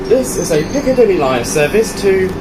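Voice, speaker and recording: A woman's recorded train announcement over a loudspeaker, calm, measured and formal. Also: mid-range voice. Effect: train station announcement over a loudspeaker. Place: inside an underground train carriage. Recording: distant loudspeaker in a noisy moving train.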